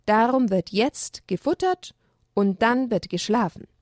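A caring mother donkey in a children's storybook, voiced by a woman reader. She is motherly and firm and speaks in a raised, lively voice. The sound is dry. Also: a little high, a little slow, no echo. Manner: motherly, gently scolding.

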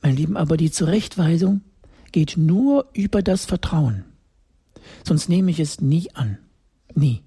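Middle-aged preacher, emphatic sermon, repeats lines, whispers for effect, very breathy voice, dry close sound. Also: mid-range voice, lively intonation, unhurried, pauses often, warm tone, no echo.

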